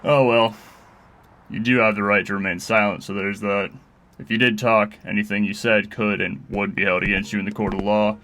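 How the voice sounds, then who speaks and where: A man voicing a gruff, menacing old male police chief who taunts in a slow drawl. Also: lowish voice, little pitch movement, sharp tone, a little hiss or hum. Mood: taunting. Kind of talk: storybook narration.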